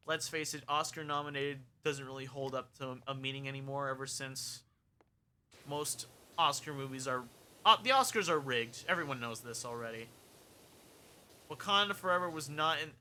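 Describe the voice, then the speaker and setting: A young adult man talks casually over his gameplay stream, rambling from one frank opinion to the next. His voice has a strikingly bright, cutting edge at a mid pitch. A faint hiss of noise sits behind him.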